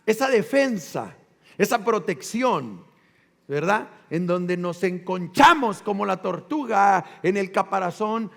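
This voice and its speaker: Mexican male pastor, lively sermon delivery with call-and-response, gravelly voice in a long-reverb hall. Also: high voice, slow. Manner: animated preaching with call-and-response and acted quotes.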